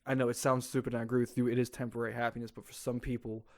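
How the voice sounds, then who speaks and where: A man's voice: medium pitch, little pitch movement, very fast. A man co-hosting a podcast in casual chat, rambling and stammering while teasing his co-host.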